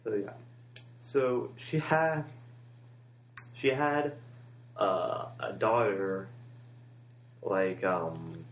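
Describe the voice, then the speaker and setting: A man co-hosting a casual chat about television, talking in a halting way with many pauses and fillers. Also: on the low side, dull audio, a little hiss or hum.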